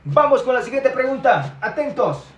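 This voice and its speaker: A man's voice: extremely high pitch, big pitch swings, normal speed, roomy sound, lo-fi sound. A man teaching Quechua on a live stream, chatty and upbeat, reading out viewer comments and repeating words.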